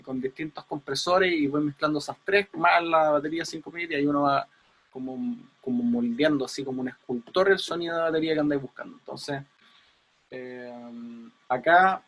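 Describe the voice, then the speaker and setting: A man's voice: a little high, fairly even intonation, brisk, a bit bright. A man teaching an audio class over a video call, chatty and explaining with everyday comparisons. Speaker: audio engineering instructor.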